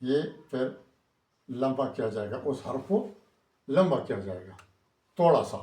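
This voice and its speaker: A man teaches a pronunciation class, saying each letter slowly and more than once. He stops to ask the class a question and then answers it, like he is writing on a board. His medium voice echoes around the room. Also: medium pitch, very animated, a little mellow. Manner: writes on a board while explaining. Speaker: Quran reading teacher. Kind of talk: step-by-step letter pronunciation lesson. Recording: roomy echo.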